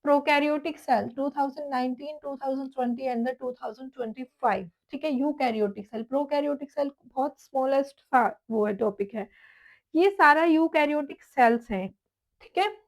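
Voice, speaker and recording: A woman's voice: high voice, moderate pace, low-quality recording. A woman teaching an exam-prep biology lesson, listing topics and past question counts and calling her students "beta".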